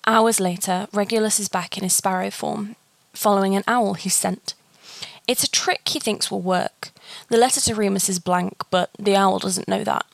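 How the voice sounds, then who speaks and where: Woman narrator, mid-pitched, reading a story steadily; close, dry recording. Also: fairly even intonation, moderate pace, creaky, no echo. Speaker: fan fiction reader.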